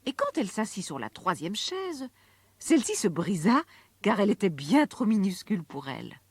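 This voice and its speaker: A woman narrating a children's story in a lively, sing-song reading voice. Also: medium pitch, moderate pace, husky, dry recording.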